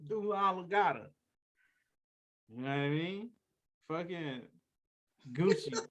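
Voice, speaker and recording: A man's voice: on the high side, lively intonation, slow pace, fairly bright tone, slight background noise. A man co-hosting a podcast in laid-back, profane banter. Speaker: podcast co-host. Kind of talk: casual chat.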